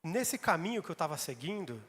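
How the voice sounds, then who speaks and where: Pastor, male, fairly high voice, emphatic repeating sermon, reverberant church hall. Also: sing-song, fairly quick, fairly bright tone, breathy edge. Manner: emphatic, repeats phrases for stress.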